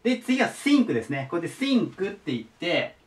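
Male tutor, patient, repeats forms, very animated pitch, a bit off-mic. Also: moderate pace, distant mic. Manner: patient, repeats each word form. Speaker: teacher. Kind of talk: explaining English vocabulary to students.

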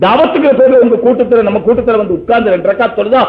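A man's voice: very high voice, racing. A man giving an Islamic sermon, telling everyday stories in a chatty way and asking his listeners questions. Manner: conversational storytelling with rhetorical questions. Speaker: Islamic preacher. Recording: echoey, phone-like lo-fi sermon recording.

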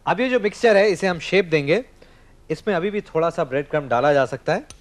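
In a TV studio kitchen set, a man in his thirties hosts a scripted cooking show, explaining every step as he cooks and speaks to the camera. His voice sits on the high side, expressive and brisk.

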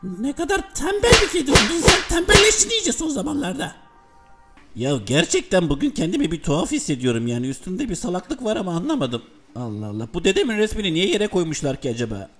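A man's voice: sits high, wildly swooping pitch, fast talker, fairly bright tone, exaggerated voice. A man giving funny animals and kids a cheeky comic dub voice, mocking and full of exclamations. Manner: mocking, exclaiming, jokey swearing. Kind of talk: comic dubbing of funny videos. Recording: music behind.

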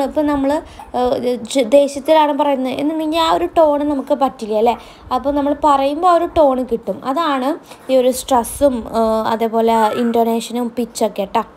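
High-voiced Kerala woman tutoring. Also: a little mellow. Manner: reads English definitions very slowly, then explains them quickly in Malayalam; checks in with the listener through rhetorical questions. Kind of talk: exam-prep lecture.

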